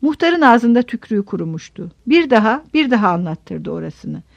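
Woman, audiobook narration, dramatic, gravelly, lively pitch, dull dry recording. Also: normal speed, dry recording. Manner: dramatic storytelling. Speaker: audiobook reader. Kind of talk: scripted narration.

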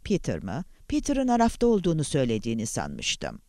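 A man's voice: mid-range voice, huge pitch swings, a little fast, dark tone, dry recording, clean studio sound. A man reading as a rattled, defensive professor. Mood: alarmed, defensive. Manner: defensive, alarmed. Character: tense, bewildered male professor. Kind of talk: audiobook character voice.

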